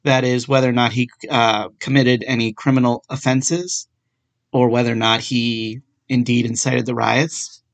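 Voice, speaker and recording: A young man in law school hosts his own solo podcast, working through a legal topic casually, poking fun at himself with dry sarcasm. His voice is mid-range and steady, at a moderate pace.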